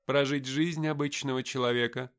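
A man's voice: mid-range voice, steady tone, normal speed, fairly bright tone, clean tone, pitched above the performer's own voice, close to an everyday voice. A man reading an audiobook voices a haughty, world-weary female angel who speaks in a commanding, solemn way.

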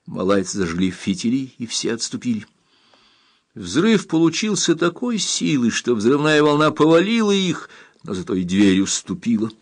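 A man reading an adventure novel aloud in a steady, measured narration. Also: mid-range voice. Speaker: audiobook narrator. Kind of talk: scripted narration.

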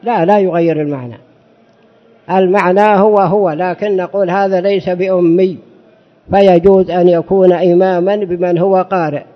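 Male fiqh teacher, high voice, explanatory lecture style, long reverb. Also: steady tone, moderate pace. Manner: explanatory, poses and answers his own questions. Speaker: Islamic jurisprudence teacher. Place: large mosque hall. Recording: dull lo-fi sound with long hall reverb.

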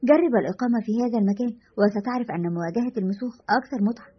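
A woman voicing a bored, sharp-tongued young witch with a sulky, teasing manner, in a dull lo-fi recording. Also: a little high, racing, breathy edge.

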